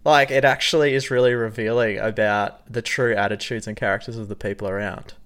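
A man's voice: lowish voice, fairly quick. A young man co-hosting a podcast, chatting casually and laughing often as he tells stories. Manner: animated, laughs often, jokey. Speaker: podcast co-host. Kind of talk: casual chat.

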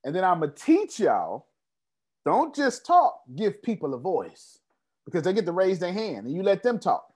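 On an animated motivational video call, a business coach hosting an online meeting addresses his group, calling on people by name in a boastful, preachy way. His voice sits high, a little mellow and husky, with huge pitch swings at normal speed.

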